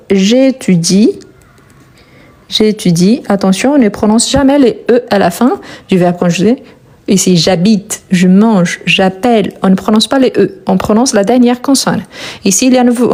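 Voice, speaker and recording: A woman teaching French grammar, repeating each step with slow, careful dictation and brief encouragement. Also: medium pitch, dark tone. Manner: slow, deliberate dictation with repetitions. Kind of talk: grammar lesson, spelled out slowly.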